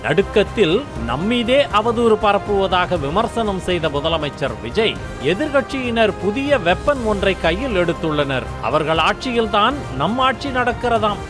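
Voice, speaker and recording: A man reading a scripted news voice-over in a formal tone. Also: sits high. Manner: formal reading with music underneath. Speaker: news narrator. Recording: studio voice-over with music bed.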